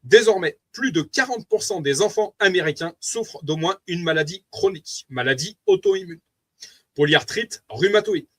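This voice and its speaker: A man's voice: high voice, sing-song, moderate pace, fairly bright tone, slightly rough. A man with a French accent giving an earnest, preachy spoken testimony, reading from notes and commenting aloud to his wife.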